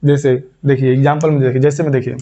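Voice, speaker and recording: A man's voice: medium pitch, little pitch movement, fast talker, mellow. A man teaching a grammar lesson step by step, repeating points and asking and answering his own questions. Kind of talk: classroom lesson. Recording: dull lo-fi recording.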